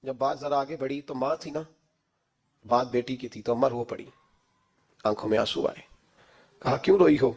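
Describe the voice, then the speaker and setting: A man giving an emotional sermon, passionate and full of rhetorical questions, swinging between loud and soft. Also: mid-range voice, pauses often. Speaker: preacher.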